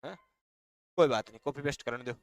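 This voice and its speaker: A man with a Rajasthani accent teaching an online live class, dictating notes slowly, singing folk song lines and answering chat comments. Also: mid-range voice, smooth, no room sound.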